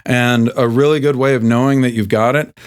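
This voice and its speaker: Hosting an informal singing lesson, this male speaker has a deep speaking voice and a faint accent from the southern United States. He talks fairly quickly and smoothly in a relaxed, self-deprecating way, with plenty of fillers and restarts.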